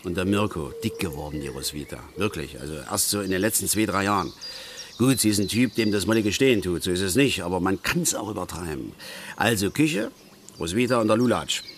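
An actor playing a bitter, stubborn middle-aged angler in a radio play, ranting in a gruff, pedantic way. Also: male voice, deep voice, animated, brisk, a little hiss or hum. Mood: grumbling.

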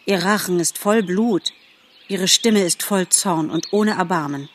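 A woman's voice: fairly low pitch, a little slow. Gobo, a woman as a boastful young buck. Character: young male deer, boastful and earnest.

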